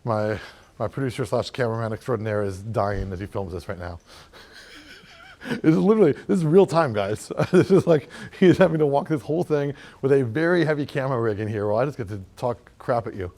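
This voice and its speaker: A man's voice: mid-range voice, a little fast, a little mellow. Chatty man guiding a walking tour. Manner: chatty, enthusiastic, laughs often. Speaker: tour guide. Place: outdoors on city streets.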